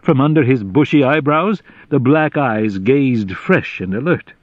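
Measured male audiobook narrator. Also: mid-range voice, no echo, dull audio. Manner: measured, deliberate reading. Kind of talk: scripted literary narration.

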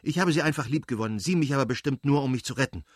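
A man reading an audiobook, voicing a proud, quick-tempered young noblewoman in agitated, self-reproaching outbursts. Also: mid-range voice, dry recording, clean studio sound, voice pushed up, natural voice.

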